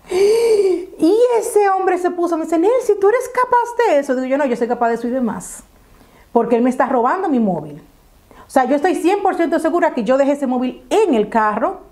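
Young woman, fairly high voice, vlogger retelling a story with lively acted-out quotes. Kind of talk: storytime vlog. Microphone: camera mic.

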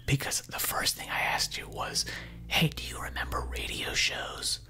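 A man in his thirties chatting casually on the phone in a breathy ASMR whisper, close to a desktop microphone in a small room. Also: normal speed, bright, forceful tone. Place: small room indoors at home. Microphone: close desktop condenser microphone.

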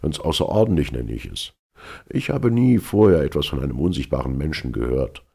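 An older sailor holds forth with great certainty, as a man puts him on, his very deep voice gravelly. He lingers over every rumor like a gossip with a story in this storybook reading. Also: animated, brisk, mellow, heavily acted. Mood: gossipy. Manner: assertive, storytelling.

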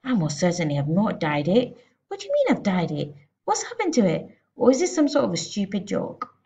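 A woman voicing a blustering, panicky middle-aged father from a storybook, loud and indignant. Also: medium pitch, wildly swooping pitch, a little fast.

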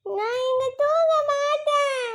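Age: child figure. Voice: very high, whiny. Style: a stubborn little schoolgirl in a cartoon puppet show. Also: heavily acted. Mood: defiant. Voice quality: whiny, sing-song, wailing. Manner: defiant threats, drawn-out shouted words.

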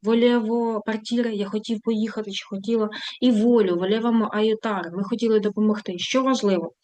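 A woman walks through verb forms in an online language lesson. Her voice sits at a middle pitch and is recorded dry and close, with no room sound. She reads out conjugations one after another and stops to explain with small fillers. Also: fairly even intonation, fairly quick, darkish tone, no room sound. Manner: reads examples and conjugations aloud, switching between Ukrainian and Italian; thinking aloud with fillers while scrolling through material. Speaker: Italian teacher.

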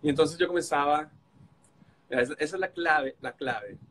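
A man's voice: on the high side, moderate pace, a bit bright, slight background noise, rough recording. A man with a Colombian accent telling stories animatedly on a video call, mimicking others and laughing. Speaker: guest on a live stream. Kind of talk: casual storytelling on a video call.

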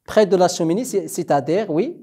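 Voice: medium pitch, lively intonation, normal speed, warm tone, husky. A primary school French teacher, giving a recorded lesson and patiently repeating each word for the children to echo.

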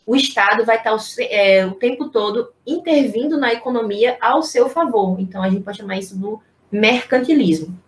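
A young Brazilian woman teaches history informally over a video call, asking rhetorical questions as she explains. Her voice is on the high side and she keeps a normal pace with hardly any pauses, while the call mic catches the room's echo.

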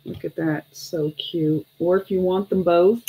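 Unhurried middle-aged woman, casual auctioneer. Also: fairly low pitch, steady tone, noisy background. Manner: informal auctioneer, calling bids and prices between chatty asides; unhurried, with pauses. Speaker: online auction host selling vintage glass. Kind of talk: casual live-sale chat. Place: small home room, indoors.

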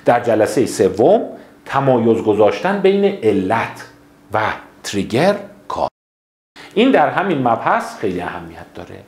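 A man's voice: mid-range voice, a little mellow, roomy sound. A man, a psychiatrist, lecturing in a conversational way and acting out how people react.

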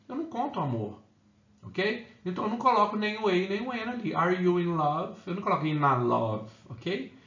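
A man's voice: on the high side, fairly bright tone. A man with a Brazilian Portuguese accent teaching an English class, casual and chatty, keeps checking in with his students. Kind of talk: casual online lesson. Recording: roomy, dull lo-fi sound.

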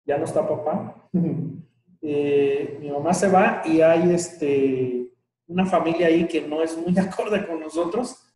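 A Mexican man with a notably high voice talks to a group in a loose, colloquial way, with bits of laughter in between. He is picked up from a distance, and the room around him rings with echo. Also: slow, mellow. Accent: Mexican Spanish. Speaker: workshop leader. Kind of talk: casual group talk. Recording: echoey room, distant mic.

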